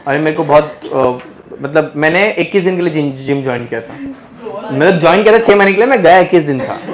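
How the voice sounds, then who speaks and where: Over the din of a noisy classroom, a young biology teacher delivers a joking lecture, teasing his students and slipping English terms into his Hindi. His voice is a little high, fast, and lively in intonation.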